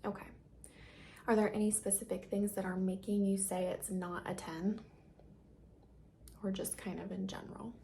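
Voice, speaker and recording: Soft, creaky woman in ASMR role-play. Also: mid-range voice, a little hiss or hum. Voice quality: breathy, soft. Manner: soft-spoken, gentle, reassuring, soft-spoken. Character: caring, reassuring female doctor giving a check-up. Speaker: ASMR performer playing a doctor.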